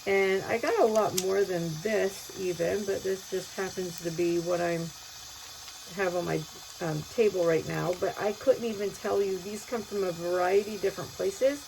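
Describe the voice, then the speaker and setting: A woman talks through a casual hands-on craft tutorial with her voice muffled behind a mask. She rambles and often circles back to rephrase a point. The recording has clear background noise, and her pitch sits in an ordinary middle range for a woman. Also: steady tone, moderate pace, darkish tone. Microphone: speaking through a protective mask.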